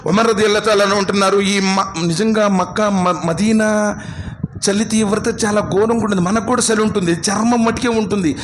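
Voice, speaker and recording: A man's voice: high-pitched, slight background noise. A man preaching a sermon, impassioned and full of rhetorical questions, calling his listeners brothers and sir. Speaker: Islamic preacher.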